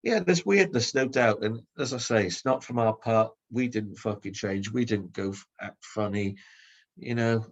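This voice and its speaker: Husky low-voiced guy on a podcast, rambling gripe, blunt, swears loads. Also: normal speed, dull audio. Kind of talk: casual podcast talk, airing a grievance.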